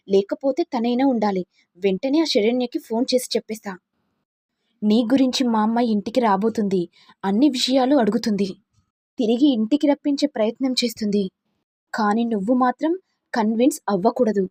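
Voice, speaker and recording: A woman's voice: fairly high pitch, warm tone, no echo, lightly acted. A woman voicing an angry, resentful young husband in a Telugu audio story, ranting heatedly.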